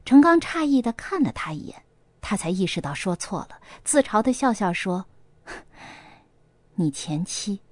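A woman reads a story aloud, expressive and storytelling, with a lively, wide-ranging pitch. The recording is dry and close, with no room sound. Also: moderate pace, no echo. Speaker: narrator. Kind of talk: audiobook narration with acted dialogue.

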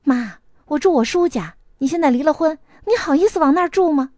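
A woman voicing a grown daughter who protests quickly and in exasperation. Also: fairly high pitch, big pitch swings, dark tone, no room sound, studio quality. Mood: exasperated.

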